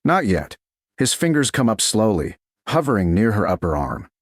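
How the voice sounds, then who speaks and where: Narrating a romance story from a script, a man delivers measured, dramatic lines in a low voice with very lively pitch swings. The audio is close and dry, free of echo or room sound.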